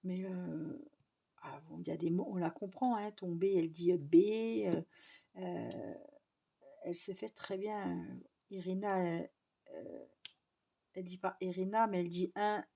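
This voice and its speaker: A woman's voice: lowish voice, measured pace, vocal fry, long pauses, mellow, husky. A young woman chatting casually to her viewers, rambling with lots of fillers and restarts. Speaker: vlogger.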